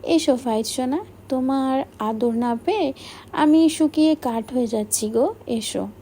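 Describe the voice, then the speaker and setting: A woman's voice: high-pitched, measured pace, dark tone, a little hiss or hum. A woman voicing a mischievous, teasing young man in an audiobook, in a mock-dramatic way.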